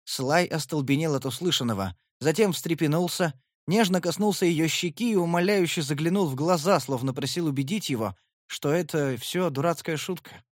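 A man reading an audiobook narration in a dramatic, measured way. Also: on the high side, no echo, clean studio sound.

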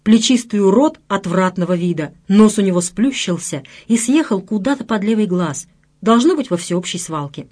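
A woman's voice: medium pitch, expressive, normal speed, darkish tone, slightly rough. Woman reading an audiobook, wry. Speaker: audiobook narrator. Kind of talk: first-person audiobook reading.

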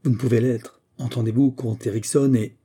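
A man reading aloud voices a proud, scornful young noblewoman, raising his voice higher and sharper for her haughty, indignant replies. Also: fairly even intonation, moderate pace, warm tone, breathy edge.

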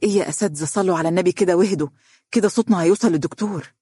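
The narrator voicing an earnest young woman co-worker who talks quickly, in Egyptian Arabic. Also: mid-range voice, steady tone, darkish tone, husky, no room sound, clean studio sound, close to an everyday voice.

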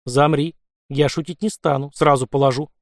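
A man's voice: a little high, steady tone, moderate pace, dry recording, studio quality, close to an everyday voice. A man voicing a sly, unflappable young Cossack who talks in a wry, matter-of-fact way, in an audiobook. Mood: cold, firm. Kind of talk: audiobook character voice.

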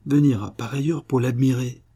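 A man voicing an elderly gentleman who banters and then tries to placate an angry man. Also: mid-range voice, fairly even intonation, a little fast, breathy edge. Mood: bantering. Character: old, mild-mannered gentleman, feigning calm.

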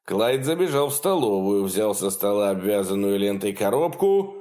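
Male audiobook narrator, expressive and animated in pitch. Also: moderate pace.

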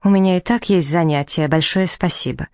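A woman's voice: lowish voice, brisk, no room sound, natural voice. A woman reading as an indignant spirited young heroine. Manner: sharp, indignant.

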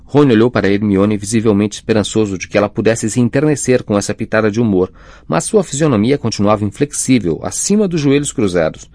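A man narrating an audiobook in an even, measured reading. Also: fairly low pitch, no echo. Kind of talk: scripted narration.

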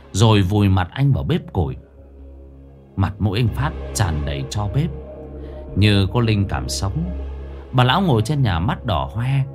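A man tells a ghost story in a low voice. His pitch swings widely as he builds the drama. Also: darkish tone.

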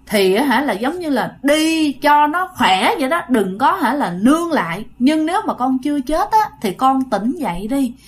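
A woman doing a grieving mother pleading. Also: high-pitched. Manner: pleading, tender. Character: grieving mother pleading with her dead daughter.

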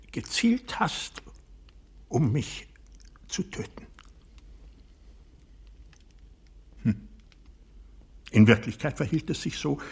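An actor performs a radio drama monologue as an older, proud, bitter aristocrat who once hunted and now broods over betrayal. His exaggerated, medium-pitched voice is husky and breathy, frequently dropping toward a whisper, and his delivery is deliberate, halting, intense, and accusing.

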